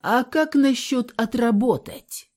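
A woman's voice: a little high, takes it slowly, darkish tone, voice pushed up. A woman voicing a crude male thug guard who mocks and swears through a door, in an audiobook reading. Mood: mocking crude. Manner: coarse, mocking and swearing.

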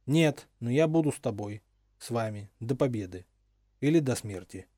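A man's voice: medium pitch, lively intonation, moderate pace, warm tone, dry recording, studio quality, close to an everyday voice. A man voicing an agitated, insistent young man who is jealous and anxious, read for an audiobook. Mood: tense.

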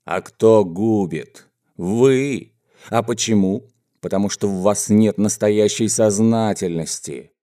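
A man voicing a menacing mustached bandit gang boss, speaking in gruff, slow, threatening speeches in a storybook reading. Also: lowish voice, dark tone. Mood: haranguing.

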